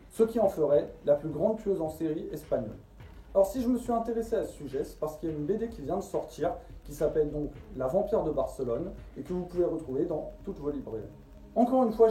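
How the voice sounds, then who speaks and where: A man's voice: a little high, warm tone. A man narrating a scripted true-crime story as a storyteller and host. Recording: roomy echo, distant from the mic.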